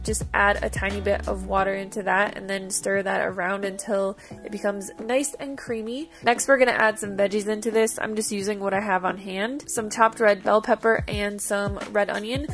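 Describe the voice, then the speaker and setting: Woman, chatty cooking vlog voice-over, upbeat, clear music playing behind. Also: mid-range voice, steady tone, moderate pace, few pauses. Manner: chatty, upbeat, explaining step by step. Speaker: vlogger. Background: background music.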